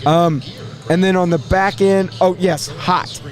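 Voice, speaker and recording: A man hosting a casual live sports draft show, thinking aloud in a halting way and repeating words as he goes. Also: sits high, fairly even intonation.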